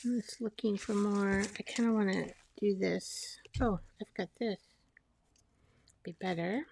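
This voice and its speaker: A woman chatting casually as she makes a collage, rambling and talking to herself while she glues, her voice soft and sometimes dropping to a whisper. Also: medium pitch, a little slow, gravelly. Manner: soft-spoken, drifting into whispers. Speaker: collage artist. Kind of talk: casual crafting narration.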